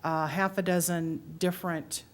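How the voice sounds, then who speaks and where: In a public library meeting room, a middle-aged audience member reflects aloud on her memories, her low, steady voice carrying earnest emotion. Her pace is measured, with a little hiss or hum behind her.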